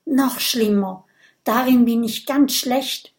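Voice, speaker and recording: A woman playing a loud, indignant Viking boy. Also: fairly high pitch, takes it slowly.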